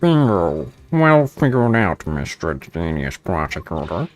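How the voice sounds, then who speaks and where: A man's voice: deep voice, very animated, unhurried, faint music behind. A man reading game dialogue aloud, putting on a disguised voice for a mocking mystery caller. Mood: taunting. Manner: smug, mocking, sing-song.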